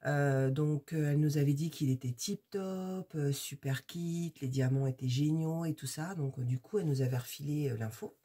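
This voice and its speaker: A husky, warm-toned woman from France talks her viewers through an unboxing in a chatty, rambling way. She hesitates often and keeps the tone casual and friendly. Her voice is mellow and slightly breathy. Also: low voice, normal speed, few pauses. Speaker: crafts YouTuber.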